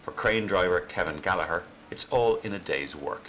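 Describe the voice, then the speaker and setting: A man's voice: low voice, normal speed, fairly bright tone. A man reading scripted documentary narration. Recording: clear background noise.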